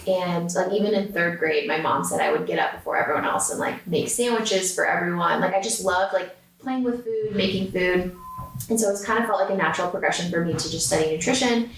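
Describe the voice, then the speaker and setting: A woman's voice: on the low side, brisk. A woman, chatting casually as an interview guest, full of "um" and "like". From San Diego, California. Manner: chatty, with many filler words and "like". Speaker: guest, food company founder. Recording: roomy sound, distant mic.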